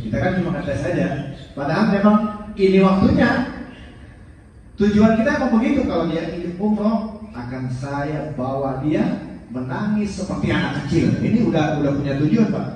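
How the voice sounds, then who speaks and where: Indonesian guy preaching in a big echoey prayer hall, mellow voice, heard from way back. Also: distant mic, a little hiss or hum. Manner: animated storytelling, pitch swinging high and low. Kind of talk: sermon.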